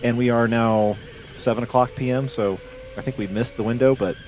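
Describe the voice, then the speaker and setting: A man hosting and commenting live kart racing from an announcer booth on a headset, talking in a relaxed, chatty way. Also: medium pitch, fairly quick, noisy background. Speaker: race commentator and host. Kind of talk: live race commentary and interview.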